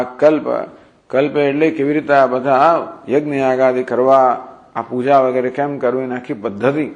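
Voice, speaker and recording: A man giving a scripture discourse, reciting Sanskrit verses and then explaining them point by point, asking questions and answering them himself. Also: mid-range voice. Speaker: scripture teacher.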